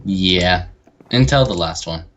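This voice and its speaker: A man's voice: low voice, slow pace, a bit bright, slight background noise. A man co-hosting a game, chatting in an easygoing, hesitant way. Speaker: game co-host. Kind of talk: casual gameplay chat.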